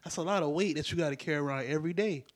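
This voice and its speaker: High-pitched blunt man in podcast chat. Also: very fast. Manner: slangy, blunt, agreeing often. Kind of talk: casual chat.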